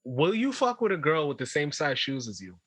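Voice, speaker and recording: A man co-hosting a podcast in casual chat, teasing his friends loudly and laughing often. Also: a little high, huge pitch swings, brisk, no echo. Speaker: podcast co-host.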